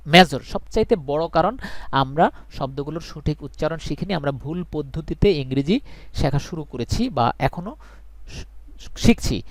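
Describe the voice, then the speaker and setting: A man's voice: fairly high pitch, no room sound. A man, teaching English in a live online class, earnest and reassuring, repeating points for emphasis. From Bangladesh.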